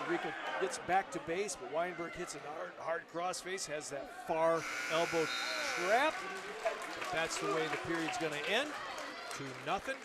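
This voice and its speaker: A man giving excitable live commentary on a high school wrestling match, laughing between calls. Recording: loud crowd and noise behind.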